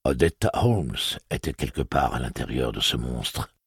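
A man narrating an audiobook with an expressive, dramatic reading. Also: extremely low pitch, normal speed, gravelly, breathy edge, no room sound, clean studio sound. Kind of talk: scripted narration.

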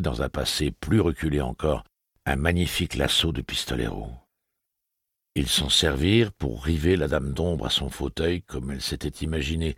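A man narrating an audiobook with an expressive, dramatic reading. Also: a bass voice, vocal fry, slightly rough, no room sound, clean studio sound. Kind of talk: scripted narration.

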